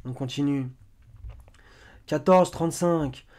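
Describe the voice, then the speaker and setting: A man's voice: fairly high pitch, slow pace, darkish tone. A man giving casual explanatory commentary to his viewers. He hesitates often, restarts his sentences and keeps telling listeners to question things. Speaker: video commentator. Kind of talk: casual explanatory commentary, reading verses aloud.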